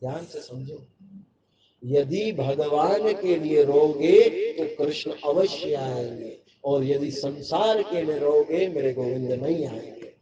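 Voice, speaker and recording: A man's voice: on the high side, lively intonation, slow pace. A man giving a devotional sermon, telling a story in an emphatic, repetitive way. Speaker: preacher. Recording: dull lo-fi sound with a crowd behind.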